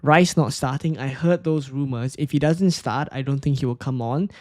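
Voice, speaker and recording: A man's voice: medium pitch, normal speed, no room sound, studio quality. A man from Singapore, casually talking through his picks and answering chat questions on a live stream, thinking aloud with fillers and restarts. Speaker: fantasy football streamer.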